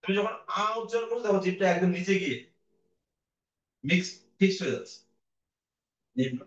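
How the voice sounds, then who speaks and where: A male teacher giving a recorded class lecture, explaining patiently and sounding out vowels for his students. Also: sits high. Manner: explains slowly, demonstrates vowel sounds aloud; addresses students directly, patient. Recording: dull, echoey room audio.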